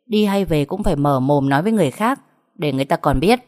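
A harsh older stepfather, as a woman reader puts him on, with a gruff, slow and stern way of talking. The voice sits low and drags each word out. It is heard in a narrated love story. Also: expressive, a little mellow.

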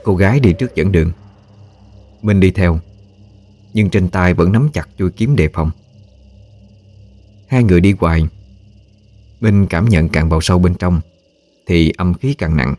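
A man narrating a ghost story in a slow, ominous storytelling manner. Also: low voice, mellow, dry recording.

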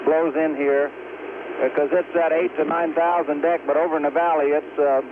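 A man's voice: level tone, moderate pace. Pilot on a crackly walkie-talkie radio, male. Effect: radio transmission. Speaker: pilot flying a weather check. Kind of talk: over walkie talkie, air-to-ground radio report. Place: aircraft in flight. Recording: noisy narrow-band walkie-talkie radio link, vehicle rumble.

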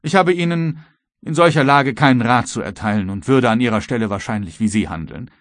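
A man's voice: mid-range voice, brisk, no echo, clean studio sound, close to an everyday voice. A man reading as a courteous old general. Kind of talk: audiobook reading.

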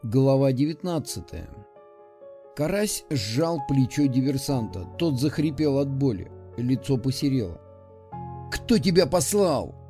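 Mellow male audiobook narrator. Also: medium pitch, animated, measured pace, soft background music. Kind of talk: first-person audiobook narration.

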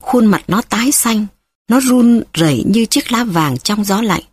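A woman narrating a novel in a steady, measured storytelling voice. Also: mid-range voice, slightly rough, no echo.

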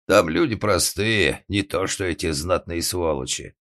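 A man voicing a gruff, crude old organ-grinder father with a wooden leg who grumbles bluntly. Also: deep voice, measured pace, fairly bright tone. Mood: grumbling.

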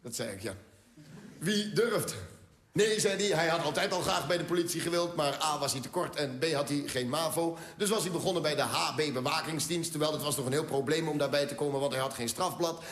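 Deadpan male cabaret storyteller, roomy stage. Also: a little high, fairly quick. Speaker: cabaret comedian. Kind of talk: comic stage monologue. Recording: roomy stage recording, faint hiss.

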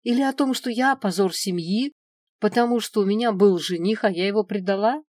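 A woman's voice: fairly high pitch, slow pace, darkish tone, no echo, studio quality, voice pushed up. A woman reading the young teenage heroine of an audiobook, who snaps in resentful outbursts. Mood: angry, tearful. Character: young teen witch girl, sulky and hot-tempered.

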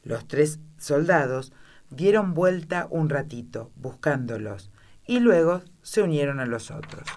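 A woman narrating a children's classic as an audiobook, with expressive storytelling. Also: low voice, a little slow. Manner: expressive storytelling, shifting into character voices. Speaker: audiobook reader.

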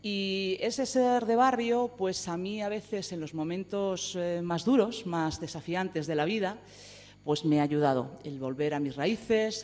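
A woman gives an earnest, measured testimony as a psychology lecturer at a round table. She moves between an academic tone and a personal one. Her voice rings with the long reverb of a large hall. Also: low voice, a little mellow. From Madrid, Spain.

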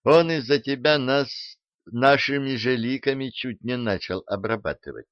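A man voicing a calm female angel leader who speaks softly and placatingly. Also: mid-range voice, normal speed, no echo, voice pushed up, lightly acted. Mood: soothing. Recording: dull, dry audiobook recording.

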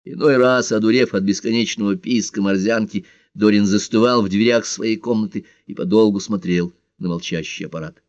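A man narrating an audiobook in an expressive storytelling manner. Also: fairly low pitch, normal speed, no room sound, lo-fi sound. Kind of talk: scripted narration.

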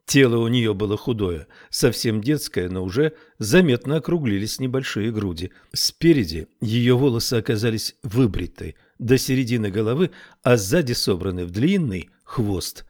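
Measured male audiobook narrator. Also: mid-range voice, lively intonation, a little mellow. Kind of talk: scripted narration.

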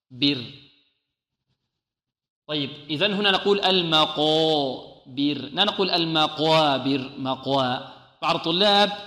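A man with a fairly high, bright voice teaches recitation rules. He slowly draws out sounds as he demonstrates them, then quizzes and answers himself. His voice rings through a roomy space with a long reverb. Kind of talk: radio tajweed lesson. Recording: echoey room with long reverb.

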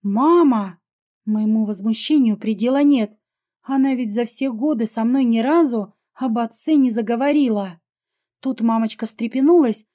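A woman narrates a first-person audiobook with lively, expressive storytelling. Her voice is slightly high but mellow and warm.

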